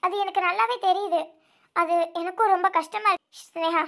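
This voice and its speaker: Fan audio drama: woman voicing a young snake-woman elder sister, very high pitch, anguished, stammering repeats. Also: fairly even intonation, vocal fry, bright, forceful tone, exaggerated voice. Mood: troubled. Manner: tearful, pleading, halting repeats.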